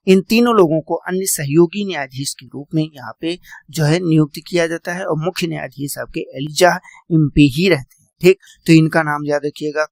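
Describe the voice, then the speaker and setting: A man's voice: fairly high pitch, a little mellow, no echo. A man teaching a classroom lecture, repeating key points, quizzing his students and calling them "beta".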